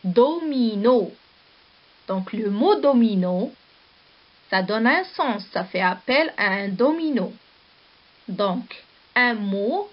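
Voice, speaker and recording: A woman teacher giving a slow, deliberate lesson, spelling out letters and syllables one at a time. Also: on the high side. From Morocco. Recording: dull lo-fi video recording.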